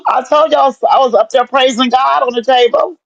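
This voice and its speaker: A middle-aged woman telling her story in casual chat, animated and profane, acting out what people said to her. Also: high-pitched, moderate pace, gravelly, dry recording. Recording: dull lo-fi dry sound.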